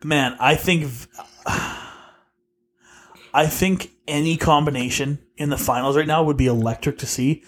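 A young man with a slightly raised pitch, chatting loosely on a sports podcast. He swears freely and laughs easily, and he sounds keyed up about the game. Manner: excitable, swearing, quick to laugh. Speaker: podcast co-host. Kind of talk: casual sports podcast chat.

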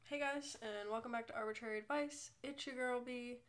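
Brisk and steady in tone, a young woman with a fairly high, fairly bright voice chats on her own podcast. She's congested from a cold, and her casual talk is rambling and self-deprecating.

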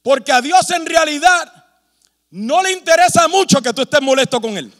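A male pastor with a very high voice delivers a sermon with strong emphasis and rhetorical questions. He breaks in with humorous asides. His voice rings through a large church hall with a long reverb. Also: lively intonation, moderate pace, fairly bright tone.

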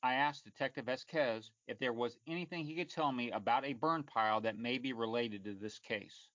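A man hosting and narrating a true crime story from a script in a measured, formal, matter-of-fact way. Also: mid-range voice, fairly bright tone, dry recording, muffled recording. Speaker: podcast host and narrator.

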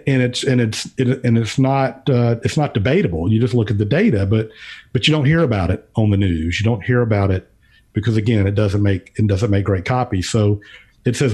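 A man giving unscripted podcast commentary, thinking aloud in a halting way with repeated words. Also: medium pitch, darkish tone, husky. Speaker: podcast's featured financial commentator.

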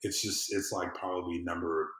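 With a deep, flat delivery and a fairly bright tone, this Southern American man talks at a normal speed. He's a podcast guest in a casual interview, speaking with emphasis. The sound is roomy, with noticeable echo.

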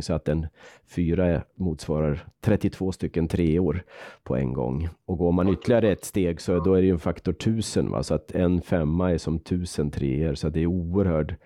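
A man with a very low, notably dark and mellow voice explains things steadily on a podcast, often restarting his sentences. The sound is dry and close. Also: no echo. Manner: measured, explanatory, with frequent restarts. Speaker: seismologist guest.

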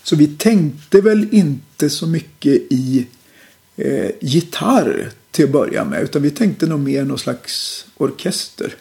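Middle-aged male musician guest, gravelly and dark-toned, unhurried and reflective. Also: fairly high pitch. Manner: relaxed, reflective storytelling with many fillers. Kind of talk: casual interview talk.

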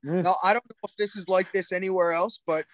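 Higher-voiced man with a Cape Breton accent. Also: steady tone, fairly quick, a bit bright. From Cape Breton Island, Nova Scotia, Canada. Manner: blunt, heavy casual swearing. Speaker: podcast guest, jiu-jitsu coach. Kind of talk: casual chat.

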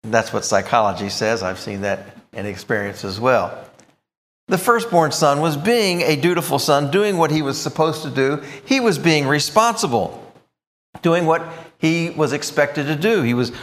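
Man, preacher, sermon, animated intonation, emphatic. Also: a little high, a little slow, long reverb tail. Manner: expressive, emphatic, with thoughtful asides.

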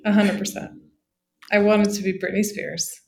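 A woman from Morocco, a podcast guest, telling her story in a friendly, relaxed way with fillers. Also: mid-range voice, normal speed. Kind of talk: casual interview chat.

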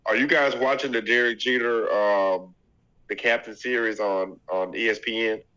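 A man with a congested voice co-hosting a casual sports debate podcast, measured and pausing to find his words. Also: on the low side, fairly even intonation, bright, forceful tone, muffled recording. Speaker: podcast co-host.

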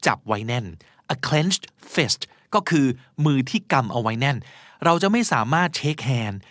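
Male podcast host teaching vocabulary, patient and lively delivery, close dry studio mic. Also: mid-range voice, slow pace, no echo. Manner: explains words patiently, spells them letter by letter.

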